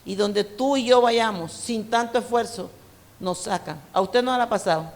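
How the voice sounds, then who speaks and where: A woman's voice: on the high side, normal speed. A woman preacher from Colombia with a coastal Colombian accent, giving an emphatic, conversational sermon full of personal stories. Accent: Colombian Caribbean coast. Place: church hall. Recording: reverberant church hall.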